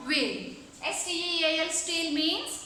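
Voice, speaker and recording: Extremely slow and very high-pitched, this teacher's sharp voice sounds very echoey over slight background noise. Giving an online English lesson, she patiently spells out words letter by letter and explains them, blending English terms into her speech and frequently quizzing the class to confirm they follow.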